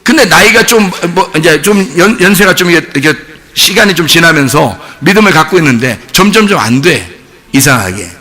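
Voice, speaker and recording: A male pastor preaching a sermon in church. He keeps asking the congregation questions and at times breaks into shouting. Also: on the high side, normal speed. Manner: animated, rhetorical questions to the congregation, bursts of shouting.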